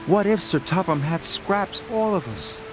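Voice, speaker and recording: A man's voice: sits high, very animated, unhurried, pitched above the performer's own voice. A man voicing a small, cheerful young male tank engine who speaks eagerly and proudly. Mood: upset. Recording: music playing behind.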